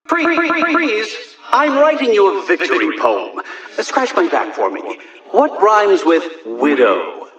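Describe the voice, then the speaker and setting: A man's voice: sits high, sing-song, slow, a bit bright, lo-fi sound, exaggerated voice. A man voicing a smug, theatrical video game villain who taunts in a pompous, condescending way, heard through a radio effect. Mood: gloating, excitable. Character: smug, theatrical male villain obsessed with riddles.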